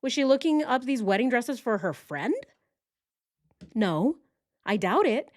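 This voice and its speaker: A woman's voice: on the high side, animated, unhurried, no room sound, clean studio sound. A woman hosting a casual true-crime livestream, talking through details informally and posing rhetorical questions as she goes. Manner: rhetorical questions with tag "right?". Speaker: livestream host.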